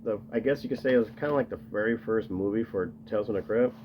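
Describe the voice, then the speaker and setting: Casual vlog host, man, low gravelly voice, rambling and enthusiastic, dull lo-fi home recording. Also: fast, a little hiss or hum. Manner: rambling, enthusiastic, lots of fillers. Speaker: video host showing his tape collection. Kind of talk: casual chat to camera.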